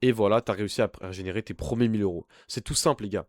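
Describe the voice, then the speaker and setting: A man's voice: fairly low pitch, rapid-fire, no room sound, clean studio sound. A young man working as an online business coach gives an informal screen-share tutorial. He talks bluntly and pushily, straight at the viewer. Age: young adult.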